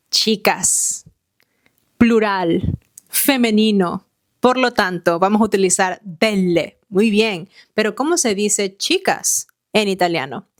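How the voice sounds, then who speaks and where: A woman's voice: mid-range voice, dry recording, studio quality. A woman teaching an online language lesson, explaining step by step and asking the learner questions as she goes.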